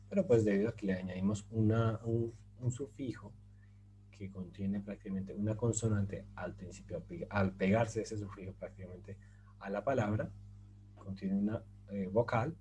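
A man teaches a beginner language lesson at an unhurried, patient pace, repeating each example phrase slowly. His voice is mellow and dark, and he often pauses to ask his students rhetorical questions. A faint hum sits under the recording. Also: lowish voice. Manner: asks rhetorical questions to the class. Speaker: Turkish teacher. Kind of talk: slide-based language lesson.

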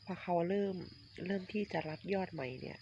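Out in a rural garden, a home durian grower vlogs about his plants in a brisk, high-sitting voice. He's friendly and talkative, often says things twice, and addresses viewers as his friends. Roosters, chickens and crickets come through loudly on the dull, lo-fi phone recording.

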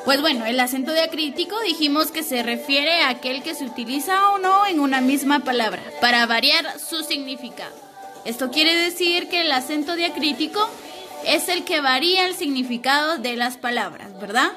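A young woman teaching a recorded primary school lesson, speaking slowly and clearly and asking the children questions. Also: sits high, lively intonation, over music. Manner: patient, slow and clear, asking the class questions.

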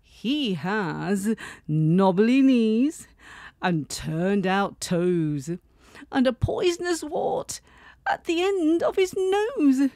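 A woman voicing a small, clever, boastful mouse in a high, emphatic voice. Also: very animated, very slow, mellow, no room sound, clean studio sound, exaggerated voice.

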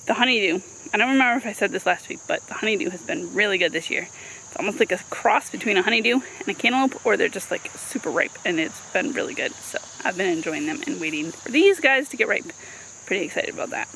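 Filmed on a handheld camera outdoors, a woman in her thirties tours her backyard vegetable garden for a vlog, chatting casually and making playful asides. Her medium-pitched voice is a bit bright, with lively intonation and a quick pace, while the low-quality recording picks up noticeable ambient noise.

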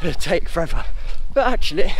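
A man's voice: fairly high pitch, very animated, brisk. A man chatting casually to camera in short phrases while running outdoors. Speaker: running vlogger. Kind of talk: casual vlog chat. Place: outdoors on streets and in a park, on the move. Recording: noisy outdoor recording with ambient street sound.

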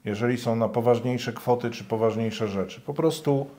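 A man's voice: mid-range voice, normal speed, dark tone. Male host, casual chatty questions, everyday examples. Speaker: interview host. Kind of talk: conversational interview questions.

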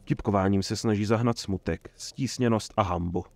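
Man playing a terse storybook monster hunter, calm, grave, lowish. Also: creaky, dry recording. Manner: terse, calm, low-key.

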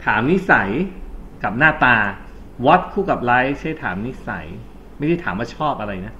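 A Thai-accented man explains English grammar in a loose, chatty classroom way, often catching and correcting himself. His voice is bright and pushed forward. The recording is a little dull, with faint noise behind it. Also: medium pitch, sing-song, normal speed. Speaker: English teacher. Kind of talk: recorded exam-prep lesson.

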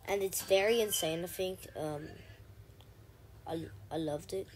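A woman giving casual gameplay commentary, chatty with frequent ums and sudden excited shouts. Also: on the low side, slow pace, slight background noise. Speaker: gaming channel host.

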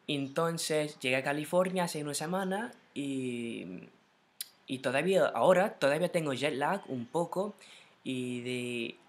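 A man's voice: fairly high pitch, rough recording. A young man from the United States, a native English speaker, vlogging casually at home in Spanish into a laptop mic, hesitant and stumbling, often restarting and correcting himself. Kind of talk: casual learner's vlog in Spanish. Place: at home in his room.

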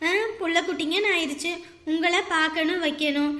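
A woman acting a gentle, self-sacrificing mother who soothes her crying daughter with pet names. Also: extremely high pitch, steady tone, brisk. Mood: tender. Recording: echoey room.

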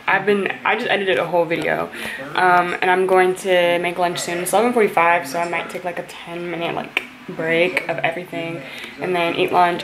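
A young woman who is a law student, chatting casually to viewers in a vlog and trailing off with fillers. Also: fairly low pitch. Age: young adult. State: out of breath. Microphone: on-camera mic.

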